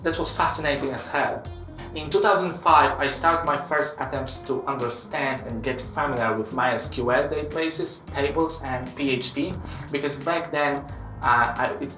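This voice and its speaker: A man in his late twenties from Poland tells his own story in accented English, earnest and full of little "uh" pauses. He sits back from the mic, so his voice sounds distant and bounces around the room. Soft music plays faintly underneath. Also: medium pitch. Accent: Polish. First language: Polish. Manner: earnest, with frequent "uh" fillers. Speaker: web developer and channel host. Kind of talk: personal story vlog. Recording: roomy echo from a distance with music.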